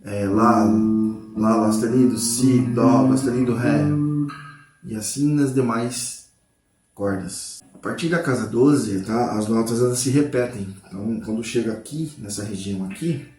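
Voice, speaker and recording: A man teaches guitar in a relaxed, patient way, stopping often to make sure the viewer is following. He calls out the note names as he plays them. His voice sits at a middle pitch and carries a noticeable room echo, with faint guitar underneath. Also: unhurried. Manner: explains patiently, constant "tá?" and "né?" check-ins; names notes aloud while playing. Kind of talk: casual guitar lesson. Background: guitar playing.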